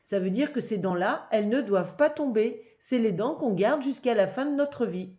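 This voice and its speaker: A woman teacher going over answers for a young child, speaking patiently, slowly and clearly. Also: on the high side, lively intonation, warm tone, roomy sound, highs cut off. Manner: patient, slow and clear, addressing one child. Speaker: first-grade teacher. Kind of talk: recorded lesson for a young child.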